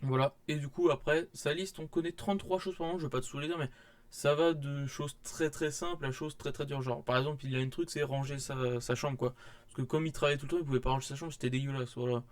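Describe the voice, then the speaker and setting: A man's voice: mid-range voice, fairly even intonation, fast talker. A young man, casually rambling through a manga haul vlog with many fillers and restarts. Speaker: manga vlogger.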